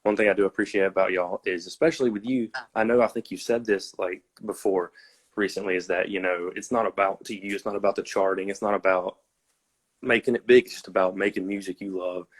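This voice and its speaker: A fan calls into a phone livestream for a casual chat. His voice is low, steady, brisk and slightly rough, and he talks earnestly but rambles, packing in lots of fillers.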